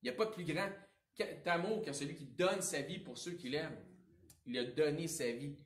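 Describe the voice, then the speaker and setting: A man with a Quebec French accent preaching a sermon as pastor, with a conversational style, informal asides and big swings between loud and quiet. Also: a little high, moderate pace. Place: church sanctuary. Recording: roomy echo, voice picked up from a distance.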